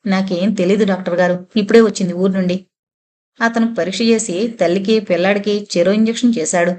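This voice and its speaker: A woman's voice: medium pitch, fairly even intonation, fairly quick, a little mellow. A woman narrating a novel as an audiobook, reading every character's lines in her own voice. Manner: reads all characters' dialogue in her own voice.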